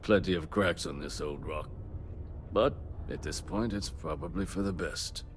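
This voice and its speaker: An actor playing a cold, smug trade company manager in a video game, delivering measured villain-like monologue in formal tones. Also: male voice, low voice, slight background noise, natural voice. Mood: cold, dismissive.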